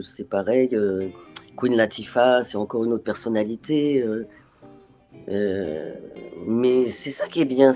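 A woman voice actress from France chats in an interview. She is animated and hesitant, restarts her sentences often, and slips into the voices of the people she describes. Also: very deep voice. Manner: animated, acts out remembered dialogue. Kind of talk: interview conversation.

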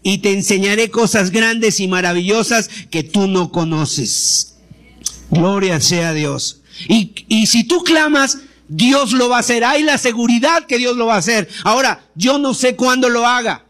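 A man preaching a sermon, impassioned, acting out prayers and rising to shouts during pleas. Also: sits high, unhurried. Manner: acts out prayers and quoted pleas.

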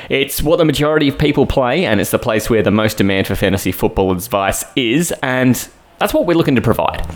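An Australian man opens his podcast in an upbeat, tongue-in-cheek announcer style. His pitch swings widely, with plenty of lift as he rattles through his lines. Music plays underneath. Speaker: podcast host. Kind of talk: scripted podcast intro.

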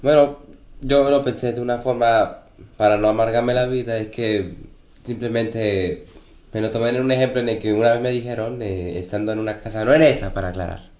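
A Venezuelan man in casual chat, talking in a measured, wry way. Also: mid-range voice, darkish tone. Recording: echoey room.

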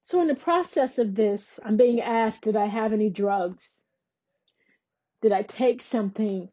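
A woman's voice: medium pitch, measured pace, mellow, muffled recording. A woman hosting a podcast, earnestly and emphatically retelling a personal experience. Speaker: podcast host. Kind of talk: personal storytelling.

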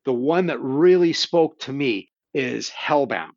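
A male podcast host with a medium-pitched, expressive, slow, slightly mellow voice casually and animatedly retells horror stories, swearing occasionally while discussing horror films. The recording has no echo and the highs are cut off.

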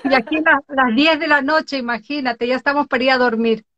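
A woman's voice: high-pitched, brisk, a bit bright. A woman from Ecuador hosting a live online interview show, talking in a chatty, exclamatory way and laughing often. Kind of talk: casual live-stream chat. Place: home in Norway. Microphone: video call. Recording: dull lo-fi live-stream audio.

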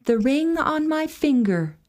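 A woman reading a storybook and voicing a frightened young miller's daughter in a high, plaintive, pleading tone. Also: big pitch swings, slow, darkish tone, full character voice.

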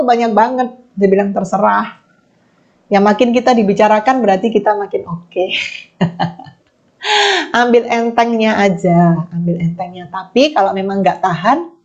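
Lively woman giving faith-based advice. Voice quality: animated, acts out quoted lines with big pitch jumps. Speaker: speaker answering questions on a live session. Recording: muffled lo-fi stream audio.

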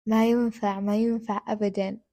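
A woman's voice: mid-range voice, level tone, a little fast, warm tone, no room sound. A young woman gives earnest, casual advice as the host of her own talk, repeating points for emphasis.

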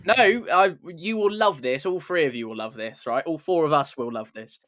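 An English man co-hosting a football podcast, teasing and animated as he tells stories. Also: on the high side, moderate pace. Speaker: podcast co-host. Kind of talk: casual football podcast chat.

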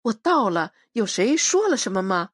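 Woman doing a cheeky young woman, teasing, brash, lively lilt, husky edge. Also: mid-range voice, normal speed, no room sound, clean studio sound, voice pushed up.

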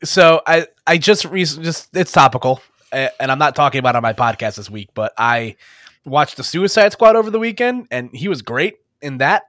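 Joking, animated man co-hosting a podcast. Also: on the high side, moderate pace, no room sound, studio quality. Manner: animated, joking, says "listen" a lot. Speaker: podcast co-host, esports commentator. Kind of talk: casual podcast chat.

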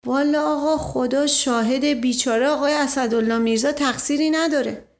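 A woman's voice: high-pitched, voice pushed up. A woman voicing a flustered, rambling old male servant who hedges and dodges questions. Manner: rambling, hedging with stock phrases.

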